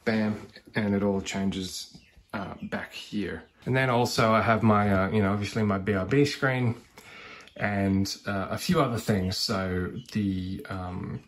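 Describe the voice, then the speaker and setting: A man in his thirties talks through his home kitchen streaming gear in a relaxed, conversational walkthrough. His voice sits a little low. He fills pauses with "uh" and "um" as he moves from one piece of kit to the next. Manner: relaxed, conversational, frequent fillers. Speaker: cooking streamer. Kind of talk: casual tech walkthrough.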